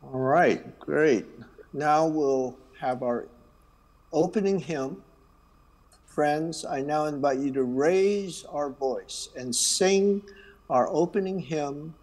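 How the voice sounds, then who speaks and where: Slowly and warmly, a man with Chinese as his first language reads out church announcements and leads the call to worship from the front of the sanctuary. His slightly high voice is mellow, he makes small friendly asides at an easy pace, and the recording is of low quality.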